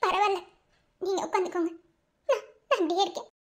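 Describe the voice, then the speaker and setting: Frightened grateful young woman, tearful, very high and quick. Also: steady tone. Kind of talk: TV serial acting.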